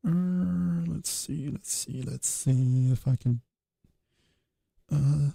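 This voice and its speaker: Man thinking aloud on stream, slow and halting, dark gravelly voice, dry close sound. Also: fairly high pitch, dry recording. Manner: hesitant self-talk with many pauses and fillers. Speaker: streamer working through a linguistics reconstruction.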